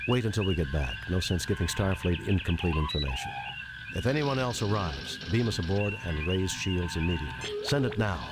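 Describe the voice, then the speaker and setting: An actor playing a decisive, confident starship captain in a video game, with a deliberate, commanding delivery. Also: male voice, sits low, lively intonation, loud music behind the voice.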